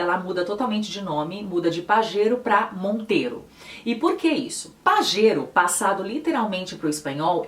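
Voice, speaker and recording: A young woman with a São Paulo Brazilian accent, chatting casually as she explains pronunciations in a lesson. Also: mid-range voice. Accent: São Paulo Brazilian Portuguese. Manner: chatty, patiently spelling out pronunciations. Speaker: Spanish teacher and video host. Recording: roomy echo, mic a bit distant.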